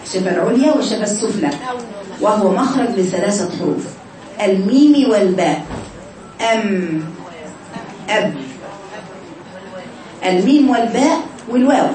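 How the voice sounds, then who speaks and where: A woman with an Egyptian Arabic accent teaching Quran recitation in a class, drawing sounds out slowly to demonstrate them and asking her students questions. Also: medium pitch. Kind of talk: online class lesson with students. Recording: echoey distant noisy recording.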